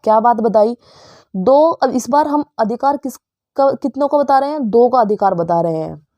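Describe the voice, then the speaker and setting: A woman's voice: fairly high pitch, lively intonation, moderate pace, mellow, no echo, muffled recording. A woman teacher with an Indian English accent explaining English grammar in Hindi, often asking her students questions. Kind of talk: grammar lesson.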